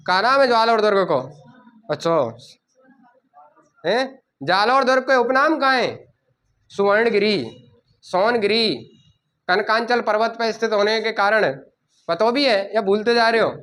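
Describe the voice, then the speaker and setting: A man teaching a coaching class, dictating notes and repeating key words slowly so students can write them down. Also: sits high, a bit bright.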